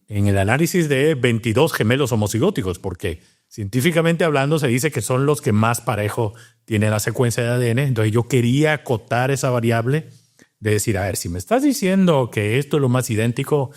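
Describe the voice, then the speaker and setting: A man's voice: medium pitch, animated, moderate pace, darkish tone. Reflective Cuban-born man talking. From Cuba. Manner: reflective, with many fillers and restarts. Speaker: guest, doctor and scientist. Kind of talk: casual interview talk.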